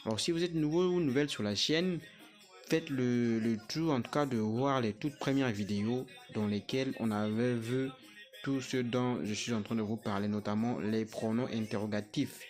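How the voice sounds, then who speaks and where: A man teaching a language lesson, patiently repeating words slowly for pronunciation drills. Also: mid-range voice, darkish tone, soft background music.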